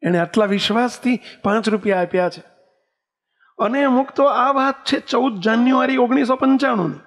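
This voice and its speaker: A man with a notably high-pitched voice gives a devotional storytelling sermon. He moves animatedly through an anecdote and keeps checking in with his audience through rhetorical questions. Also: moderate pace. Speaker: spiritual leader giving a discourse.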